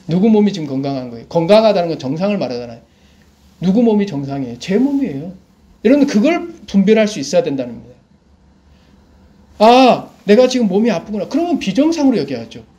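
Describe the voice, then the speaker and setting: A male pastor preaching a sermon, his voice sitting high and swinging widely in pitch. He keeps asking the congregation questions and answering them himself. He sounds middle-aged. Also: dark tone.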